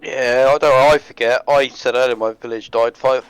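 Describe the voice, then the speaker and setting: A man doing a long-lived adventurer who quizzes a stranger with quick, curious questions. His voice is smooth and clear, recorded close and dry. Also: medium pitch, steady tone, no echo, close to an everyday voice, rough recording. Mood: reflective. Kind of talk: tabletop role-play in character.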